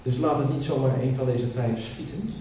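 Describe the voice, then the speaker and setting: A man delivers a sermon with steady emphasis, circling back on his own words to drive a point home. His voice is mellow and dark. He is heard from well off the mic, in a large hall full of echo. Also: mid-range voice, moderate pace, a little hiss or hum. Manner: emphatic, repeats words while building a point. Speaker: preacher. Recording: echoey hall, speaker far from mic.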